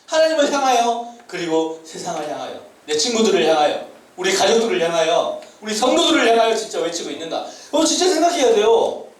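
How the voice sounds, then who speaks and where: A man preaches to a youth group, his voice rising and falling widely as he shouts calls and laughs between his points. He sounds a bit high for a man. The recording is from far off in a very echoey church hall, with faint ambience behind him. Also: big pitch swings, fast talker. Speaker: youth pastor. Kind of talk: sermon to high schoolers.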